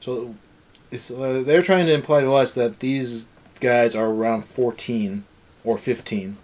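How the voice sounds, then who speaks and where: On poor audio, a man co-hosts a casual anime review show, ranting in a rambling, sarcastic way. His medium-pitched voice is steady, a little mellow, and measured in pace.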